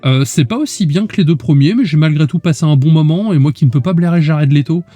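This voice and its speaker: A man's voice: fairly high pitch, fast talker, mellow, soft background music. Sick nasal man on a podcast. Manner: rambling, lots of fillers. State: sick, congested voice. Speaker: podcast co-host. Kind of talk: casual chat.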